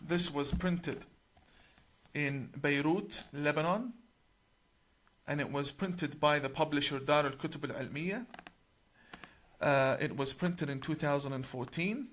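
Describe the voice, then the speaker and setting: A man speaking as a religious cleric, giving a deliberate, emphatic explanatory talk to camera and citing sources page by page. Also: fairly high pitch, a bit bright.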